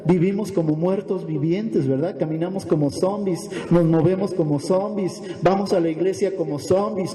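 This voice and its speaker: A man's voice: high voice, warm tone. A man preaching a sermon as pastor, asking rhetorical questions and tagging on "¿verdad?", recorded in a church hall.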